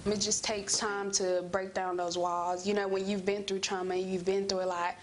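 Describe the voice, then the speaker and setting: A woman's voice: medium pitch, little pitch movement, normal speed. A twenty-year-old woman, answering interview questions in a casual, hesitant, unscripted way. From Alabama, United States. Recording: noticeable background ambience noise.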